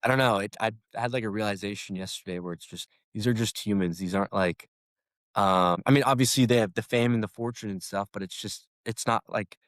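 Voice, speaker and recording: A man's voice: fairly low pitch, fairly quick, fairly bright tone, no echo, clean studio sound. A young man hosting a podcast interview, talking casually and rambling with many restarts. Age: young adult. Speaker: podcast host.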